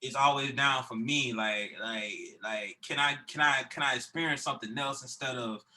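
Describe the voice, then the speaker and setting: A man's voice: medium pitch, normal speed, bright, forceful tone, poor audio. A man, a recording artist guest, talking casually in a podcast interview, loose and rambling with many fillers and restarts.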